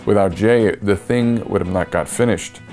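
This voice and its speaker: Deep-voiced man recalling a film shoot. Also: normal speed, a little mellow, faint music behind. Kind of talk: documentary interview.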